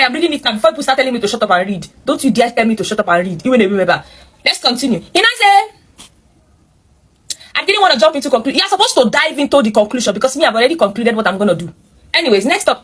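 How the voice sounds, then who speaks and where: Speaking in a high-pitched, somewhat bright voice, a Nigerian-accented woman hosts while reading a viewer's story. She tells it with animation and emphasis, voicing firm opinions. Running commentary breaks in, addressed directly to whoever is listening.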